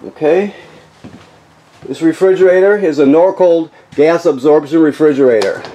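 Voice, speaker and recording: This RV walkthrough technician speaks in a mellow, mid-range voice while showing off a travel trailer inside and out. His informal demonstration lays out the features in simple terms, with frequent checks that he's being understood.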